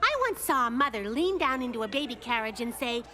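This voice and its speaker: A woman voicing a spirited, mischievous little girl in a children's cartoon, with expressive, perky delivery. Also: on the high side, a little fast, lightly acted. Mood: wry storytelling. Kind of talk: animated children's cartoon acting.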